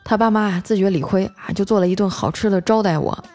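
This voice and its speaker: A woman's voice: medium pitch, fast talker, darkish tone, dry recording. A young woman tells jokes and funny stories as a radio-style show host. She has a chatty, playful delivery and keeps stretching out her phrases. Faint music plays underneath. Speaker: podcast host. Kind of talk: comic storytelling and listener messages.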